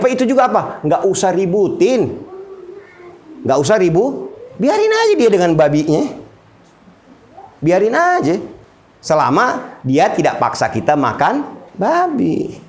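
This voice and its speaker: A man gives a relaxed religious talk with a slightly high voice that swings widely as he jokes. He slips into the voices of the people in his stories and goes back to plain talk. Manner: animated, joking, quotes people in lively voices. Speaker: preacher.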